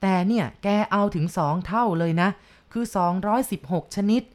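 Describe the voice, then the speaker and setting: A woman's voice: mid-range voice, normal speed, a little mellow, lightly acted. A woman doing a boastful rich old man. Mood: insistent. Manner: emphatic, insistent.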